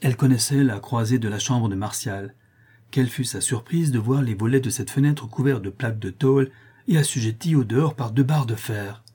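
Husky, dark-toned male narrator. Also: mid-range voice. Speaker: audiobook narrator. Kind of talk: scripted narration.

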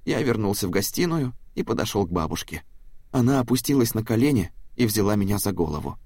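Brief: male audiobook narrator, husky, steady, dry studio sound. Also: on the low side, quick pace, no room sound. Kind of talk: scripted narration.

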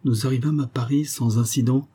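A man narrating a literary story in the first person for an audiobook, in a measured, steady manner. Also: medium pitch, slightly rough.

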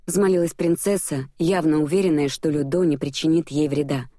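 A woman narrating an audiobook in the first person, reading at an even, steady pace. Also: sits low, a little fast, no room sound, studio quality.

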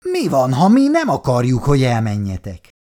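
A man voicing a hostile, sneering drunk colonist who hisses and shouts. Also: high voice, wildly swooping pitch, slightly rough, voice pushed up, full character voice. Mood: menacing. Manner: hissing, shouting, mocking.

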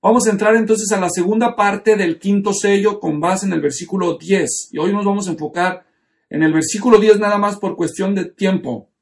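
A man's voice: high voice, normal speed. A man teaching a Bible study class, explaining the text step by step and checking in with his students. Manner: explanatory, asks the class questions.

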